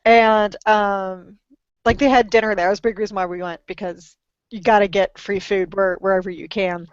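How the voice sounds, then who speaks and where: A woman's voice: mid-range voice, fairly even intonation, normal speed, smooth, no echo, highs cut off. A middle-aged woman with a lingering cough, telling stories in a chatty, self-mocking way as a podcast co-host. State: lingering cough after illness. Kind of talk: casual chat.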